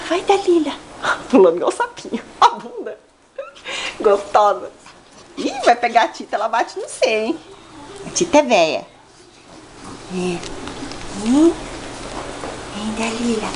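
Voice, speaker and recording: Woman, high lively voice, cooing pet baby talk, slow, noisy home video. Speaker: dog owner.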